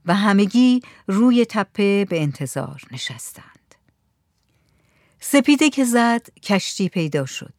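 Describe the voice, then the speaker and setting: A woman narrating a story in a soft, hushed reading voice. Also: mid-range voice, big pitch swings, dry recording, studio quality.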